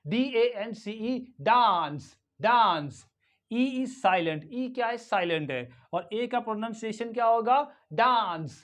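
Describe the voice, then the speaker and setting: Indian woman, pronunciation teacher, very slow and deliberate, spells out words and repeats them. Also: fairly high pitch. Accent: Indian English. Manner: spells words letter by letter, then repeats them slowly and clearly. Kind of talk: pronunciation lesson, mixing Hindi and English.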